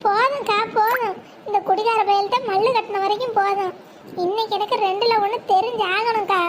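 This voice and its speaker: Woman, very high voice, angry complaining wife, comedy skit. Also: steady tone, a little fast, over a noisy crowd. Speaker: actor.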